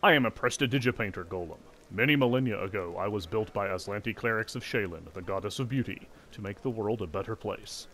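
A man's voice: fairly low pitch, fast talker, few pauses, fairly bright tone, a little hiss or hum, lightly acted. A man voicing a vain, cheerful male gem golem in a staccato, clockwork automaton voice while reading game dialogue aloud. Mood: proud, chirpy.

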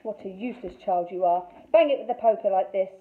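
A woman's voice: mid-range voice, a little fast, natural voice. A woman doing a crackly old witch. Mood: snapping. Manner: cooing then snapping. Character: ancient greedy child-eating witch, crackly. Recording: thin phone-like recording.

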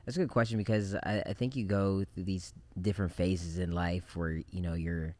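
Low-voiced guy on a studio mic, laid back, lots of ums, thinks out loud. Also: moderate pace, no room sound. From Japan. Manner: relaxed, reflective, many fillers. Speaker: podcast guest, film director. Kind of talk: casual interview chat. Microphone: studio mic on boom arm.

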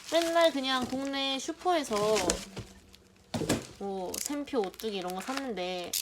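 A young woman vlogger narrating an unboxing in a chatty, playful way, muttering softly to herself while she handles things. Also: on the high side. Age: young adult. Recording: loud background noise.

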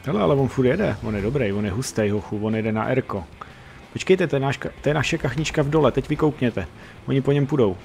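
A young man playing a tank game with friends, giving an excitable running commentary with a lot of swearing. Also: mid-range voice, vocal fry, a little hiss or hum. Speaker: teammate in the game. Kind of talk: casual gaming chat.

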